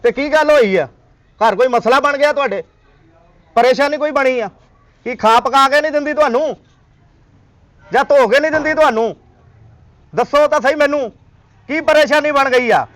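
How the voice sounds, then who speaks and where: Man playing a shrill, meddling brother-in-law. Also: moderate pace, pauses often, fairly bright tone. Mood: probing. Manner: accusing, nagging with questions. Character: wife's brother, a hot-tempered meddler who stirs up quarrels.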